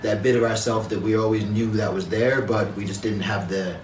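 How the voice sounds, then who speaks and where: A man from Jamaica, a guest in an interview, speaking in a measured, reflective way with frequent pauses and fillers. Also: fairly low pitch, fairly even intonation, roomy sound, far from the mic, a little hiss or hum, poor audio. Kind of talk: conversational interview.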